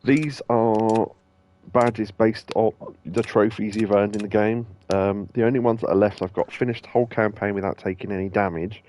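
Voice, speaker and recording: A man's voice: fairly low pitch, fairly even intonation, normal speed, darkish tone. A man casually talking through a video game he is playing, rambling loosely with lots of ums and restarts. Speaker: gaming streamer and host. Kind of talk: casual let's-play commentary.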